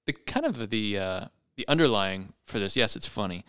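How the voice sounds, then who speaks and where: A man's voice: lowish voice, expressive, normal speed, a bit bright, clear, resonant tone, no room sound, clean studio sound. A man co-hosting a casual podcast, chatting enthusiastically with listeners. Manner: enthusiastic, addresses listeners directly. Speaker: podcast co-host. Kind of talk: casual chat.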